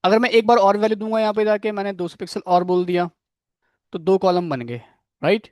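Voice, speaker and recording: A man's voice: high-pitched, steady tone, a little fast, a little mellow, no echo, studio quality. A man teaching a coding class, explaining each step and checking in with his students, quizzing them by name. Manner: explains step by step, keeps checking with "theek hai". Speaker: coding instructor.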